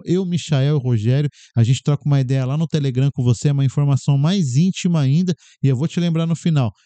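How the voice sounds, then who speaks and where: A man from Brazil hosts his own podcast and talks casually to the audience, animated and full of rhetorical questions. His voice sits a bit high yet sounds very dark and mellow. It is recorded close and dry, with no room sound. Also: dry recording. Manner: animated, addresses viewers as "gente" and "cara", rhetorical questions. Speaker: podcast host. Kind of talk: casual talk to camera about exam study.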